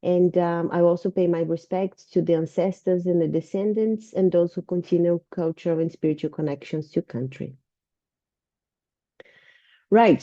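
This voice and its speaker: A university researcher and lecturer, a Portuguese-speaking woman with a Brazilian accent, gives an informal presentation over a video call while sick, sounding a bit off. Her voice is fairly low and mellow, recorded dry. The call audio is dull and muffled.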